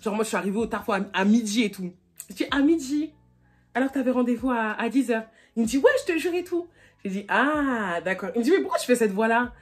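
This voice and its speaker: A young woman from France telling a storytime vlog in a slangy, animated way, acting out both sides of the dialogue. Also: a little high, fast. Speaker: YouTuber. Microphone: phone camera.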